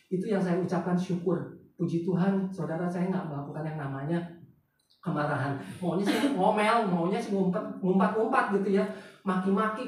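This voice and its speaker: A pastor telling a personal story in a sermon, chatting with the congregation and often asking them questions. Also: male voice, high voice, a little mellow. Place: large church hall. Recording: very echoey hall, voice picked up from far off, faint noise.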